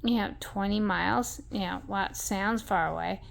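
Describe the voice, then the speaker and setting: A woman's voice: mid-range voice, normal speed, creaky. A woman telling a rambling story in a blunt, salty way, full of fillers and asides. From American West.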